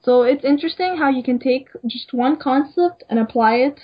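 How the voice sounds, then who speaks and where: A young adult designer from Egypt, just emerging in her field, talks at a moderate pace in a high voice with a breathy edge. She answers the casual interview hesitantly, using many "um"s and "like"s. The audio is dull and lo-fi.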